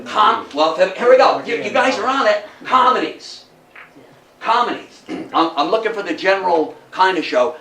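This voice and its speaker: An older man gives a folksy, chatty history talk to an audience indoors, putting rhetorical questions to his listeners. His high-pitched voice is pushed and bright, with lively intonation at a moderate pace. The recording sounds roomy, with a distant mic and faint noise.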